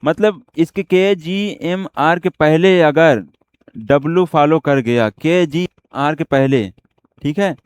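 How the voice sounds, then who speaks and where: A man's voice: a little high, takes it slowly, smooth, no room sound. A man teaching shorthand in an online lesson, explaining step by step and asking and answering his own questions on words. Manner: explains step by step, often asks and answers himself.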